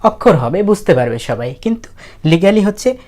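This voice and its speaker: A woman's voice: on the low side, very animated, a little fast, darkish tone. A woman teaching how to write characters, explaining casually and thinking aloud as she goes. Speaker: language teacher.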